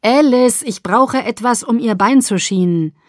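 A woman's voice: fairly high pitch, a little slow, dry recording, clean studio sound, pitched above the performer's own voice, close to an everyday voice. Firm, urgent doctor man, as a woman reads him. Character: composed adult male doctor, urgent and in charge.

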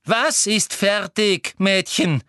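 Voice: mid-range voice, animated, slow, fairly bright tone, no echo, studio quality, voice pushed up. A reader voicing an eager, pushy middle-aged woman official in an audiobook, asking insistent questions. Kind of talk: audiobook character voice.

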